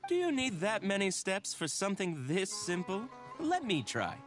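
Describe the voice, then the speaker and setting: Hesitant toymaker, wildly swooping pitch. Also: male voice, wildly swooping pitch, normal speed, fairly bright tone, faint music behind, heavily acted. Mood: doubtful, hesitant. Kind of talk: anime-style game voice acting.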